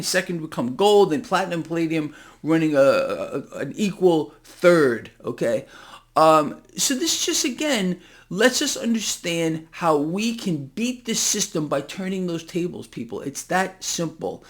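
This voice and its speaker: This high-pitched man hosts a financial market commentary channel and delivers impassioned, unscripted takes to his viewers. He sounds emphatic, incredulous and conspiratorial, speaking straight to his listeners.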